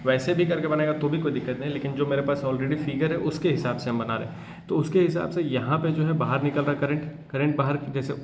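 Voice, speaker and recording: A man teaching a physics class, explaining in casual talk and reading textbook lines slowly. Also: on the high side. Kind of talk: class lecture. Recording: echoey room with faint hum.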